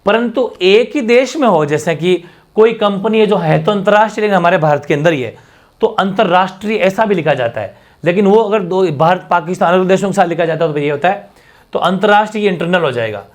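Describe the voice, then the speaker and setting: A man teaching a fast exam-prep grammar lesson, drilling examples and asking rhetorical questions. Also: high-pitched, lively intonation.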